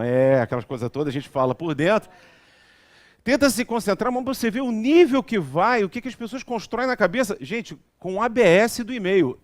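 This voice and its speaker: A man delivers a relaxed spiritual talk in a somewhat high voice. He tells everyday anecdotes and keeps checking in with his listeners in a chatty, storytelling manner. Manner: chatty, storytelling, frequent asides asking the audience. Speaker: lecturer at a spiritist center.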